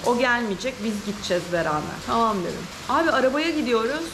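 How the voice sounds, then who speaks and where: A woman's voice: fairly high pitch, sing-song. A young woman travel vlogger recounting a frightening experience to camera, shaken, acting out what everyone said. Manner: shaken, quick retelling with quoted dialogue. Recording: noisy hidden camera recording.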